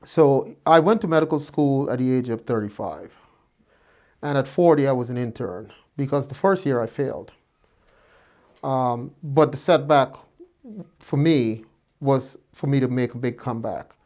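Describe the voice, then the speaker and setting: A Guyanese doctor in his fifties tells students his life story, reflective and relaxed, with plenty of fillers and restarts. He speaks at normal speed in a mid-range, slightly mellow voice.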